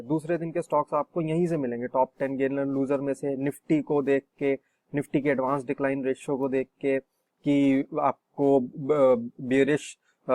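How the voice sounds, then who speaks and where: A man explaining intraday stock selection in a screen-share tutorial, pausing often with fillers and restarts. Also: a little high, a little mellow, no echo. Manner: hesitant, many fillers and restarts. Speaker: trading instructor.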